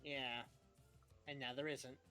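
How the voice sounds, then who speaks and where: A woman's voice: rumbling low, flat delivery, slow pace, bright, forceful tone, faint music behind, low-quality recording. A woman streamer chatting casually and reading a post aloud in a dramatic, theatrical voice.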